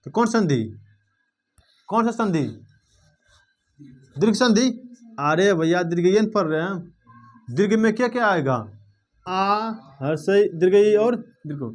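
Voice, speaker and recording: A young man teaches a blackboard grammar lesson. His voice sits fairly high, and he talks to the students informally, pausing often to check that they have understood. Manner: informal, addresses students directly with quick check-ins.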